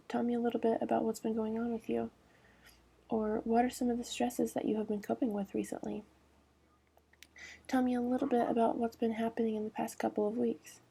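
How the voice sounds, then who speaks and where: A woman reading a nursing lecture aloud at a steady pace, with fillers now and then, her voice often sinking to a near-whisper. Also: fairly high pitch, creaky, breathy edge. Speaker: nursing instructor.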